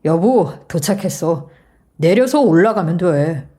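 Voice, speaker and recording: A woman voicing a scheming husband who talks in a soft, falsely tender, coaxing way, in a narrated story. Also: on the low side, expressive, measured pace, pitched below the performer's own voice. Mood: gentle coaxing. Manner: soft, coaxing, sweet-talking.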